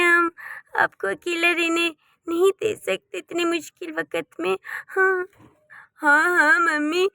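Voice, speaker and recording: A woman's voice: very high-pitched, gravelly, bright, forceful tone, dry recording, studio quality, full character voice. A woman voicing a scheming young daughter-in-law in a cartoon story, sugary and sly. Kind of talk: cartoon voice acting.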